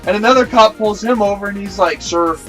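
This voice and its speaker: A man's voice: high voice, steady tone, quick pace, a bit bright, soft background music, rough recording. A young man telling a crude story among friends, rambling, swearing and laughing as he goes.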